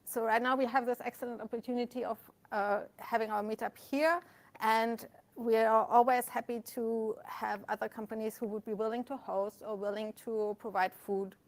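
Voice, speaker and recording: A meetup organizer welcomes people and makes announcements, speaking informally to an audience in a room that's also streamed online. Her voice is a little high, with a steady tone at a normal speed.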